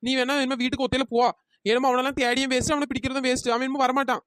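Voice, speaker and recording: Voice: sits high, level tone, very fast, a bit bright, dry recording, clean studio sound. A performer voicing a grumbling woman friend in a cartoon, whiny and sarcastic. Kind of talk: cartoon comedy voice acting.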